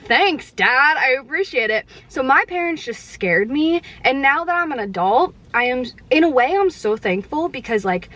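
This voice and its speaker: A woman's voice: high voice, very animated, normal speed, few pauses, fairly bright tone. A young adult woman chatting candidly with viewers while eating, filling her talk with "like". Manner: chatty and candid, heavy use of "like"; talks while eating, sometimes with mouth full. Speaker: vlogger answering viewer questions. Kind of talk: casual chat.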